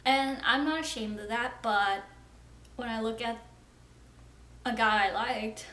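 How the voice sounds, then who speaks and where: A young American woman in her twenties vlogs to camera, speaking frankly and chattily in a slightly high, fairly bright voice at an unhurried pace. She fills her sentences with frequent "like" fillers, and the recording has a roomy echo with faint ambient noise.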